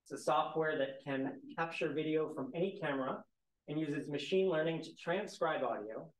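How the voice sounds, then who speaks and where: A man's voice: a little high, moderate pace. A man moderating a university panel, reading speaker bios with light asides and self-deprecating humor. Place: university lecture hall. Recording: echoey lecture hall.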